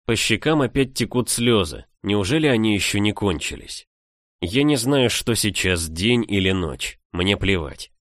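A man narrating a first-person audiobook in a calm, even reading manner. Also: on the low side, a little slow, no echo, studio quality. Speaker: audiobook reader.

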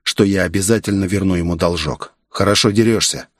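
A man voicing a hostile, gruff grown man who defends his family, in a rough, contemptuous tone in an audiobook. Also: low-pitched, a little fast, no echo, studio quality, lightly acted. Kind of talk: audiobook character voice.

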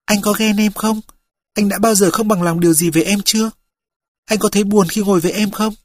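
A soft, husky young woman pleading close to the mic, breathy and gentle, as an audiobook reader puts her on. The voice sits a little above the reader's own and trails off into hushed, intimate tones. The recording is dry, with no room sound. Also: medium pitch, fairly even intonation, fairly quick, no room sound, voice pushed up, close to an everyday voice. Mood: tender. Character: young forest woman, tender, frail and wistful.

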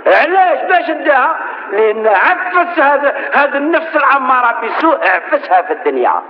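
A man's voice: very high-pitched, sing-song, a little fast. A man preaching a sermon, telling stories and rising to emphatic exhortation. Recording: tinny lo-fi recording with faint hiss.

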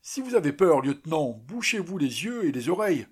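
A man's voice: a little high, big pitch swings, fairly quick, husky, voice pushed up. A man voicing a brash male sailor who taunts his companion. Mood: mocking.

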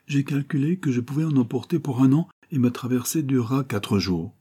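A man's voice: medium pitch, brisk, dark tone, slightly rough, voice pushed up, close to an everyday voice. A man voicing a bold, gallant male adventurer who answers with gracious, ironic confidence, in a storybook reading. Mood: confident, gracious.

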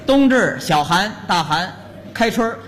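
A man with a Beijing accent performs crosstalk comedy in a reverberant hall. His voice sits very high and moves a lot, and he talks in a boastful, teasing way, sometimes chanting rhymes. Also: animated, unhurried, a bit bright, slight background noise. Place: large hall on stage. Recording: live stage in a reverberant hall.

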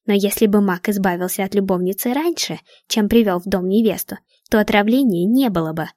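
Brief: cruel dark witch, mocking and hissing, read by a woman, dry close sound. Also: mid-range voice, fairly quick, no room sound, close to an everyday voice. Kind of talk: storybook reading.

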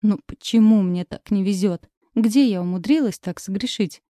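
Mellow-voiced woman narrating a novel. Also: medium pitch, normal speed, no echo, studio quality. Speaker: audiobook narrator. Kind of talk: scripted first-person narration.

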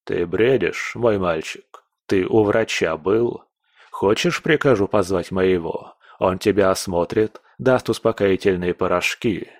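A blustering older emperor, as a man puts him on, low and deliberately slow. He grumbles in a fussy, imperious way from a storybook reading. The sound is close and dry. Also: dry recording. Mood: exasperated.

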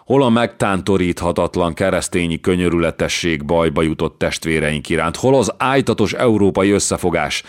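A man voicing a hot-headed, blunt young male knight who shouts indignantly, pushing his voice well above his normal pitch. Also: expressive, hardly any pauses.

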